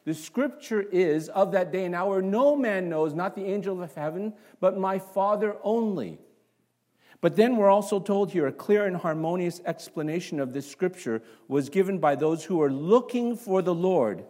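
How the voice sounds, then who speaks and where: A male pastor from Canada preaching to his congregation in a church. His voice sits a little high for a man. He talks in an animated way and keeps throwing rhetorical questions at the room. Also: moderate pace. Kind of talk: sermon.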